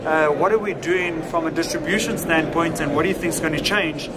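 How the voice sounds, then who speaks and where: Higher-pitched male interviewer. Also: a little fast. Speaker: event interviewer. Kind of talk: formal on-camera interview. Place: indoor conference interview booth. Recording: loud trade show floor noise.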